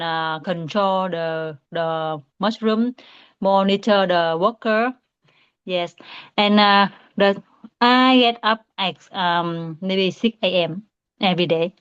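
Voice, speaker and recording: A woman, answering practice questions in English in a hesitant, halting way with many restarts. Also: mid-range voice, a bit bright, smooth, muffled recording. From Vietnam. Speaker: student.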